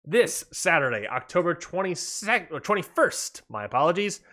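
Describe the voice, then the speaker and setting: This wrestling podcast host has a slightly high, sing-song voice that sounds bright and forceful at a normal speed. His match recaps are enthusiastic and meandering, full of fillers and false starts.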